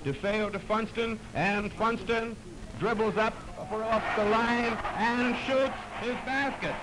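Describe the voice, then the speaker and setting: High-voiced man on a hissy early recording. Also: takes it slowly. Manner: plain, steady play-by-play calling. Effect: early 1930s archive recording played back. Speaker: basketball commentator. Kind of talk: live play-by-play commentary. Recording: noisy, hissy old archive recording.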